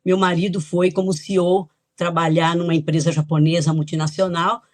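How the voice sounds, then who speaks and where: A woman's voice: lowish voice, level tone, brisk, dry recording. Older woman, chatty and reminiscing. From Italy. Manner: chatty, reminiscing, with light laughs. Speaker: guest, author. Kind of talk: podcast interview, personal storytelling.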